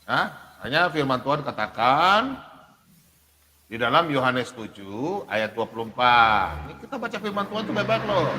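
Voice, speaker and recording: On a livestream, an emphatic man with a high, lively voice preaches unscripted, firing off rhetorical questions, listing verse references, reading scripture and referring to himself in the third person. A long room reverb hangs on the sound, along with a little hiss or hum.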